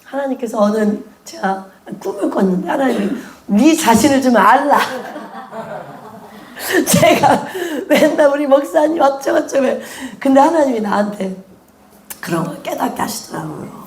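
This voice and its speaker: Her voice sitting high and her pace normal, a woman teaches a church class on prayer, giving sermon-style teaching with personal testimony as a prophecy school teacher. She tells her story with lively energy, laughs a lot and acts out prayers; the sound is roomy with slight background noise.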